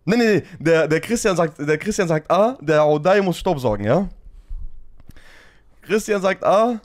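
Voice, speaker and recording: A man's voice: high-pitched, normal speed. A man telling a funny story in casual street slang, laughing often as he goes. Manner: animated, slangy, keeps saying "Bruder".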